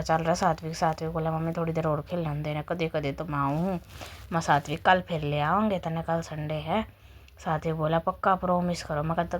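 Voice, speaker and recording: Young woman, Haryanvi accent, deep and even voice, chatty vlog narration, acts out family dialogue. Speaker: vlogger.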